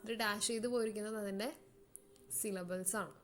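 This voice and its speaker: A woman teacher with a Malayali accent explaining an English lesson to students, slowly repeating words so they can follow. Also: medium pitch, fairly even intonation, fairly bright tone.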